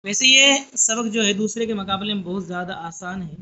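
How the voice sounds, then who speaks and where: A woman teaching an online language lesson, explaining letters and words slowly and deliberately, pausing often to check that students follow. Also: medium pitch, bright, forceful tone. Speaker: Urdu teacher. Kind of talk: classroom lesson.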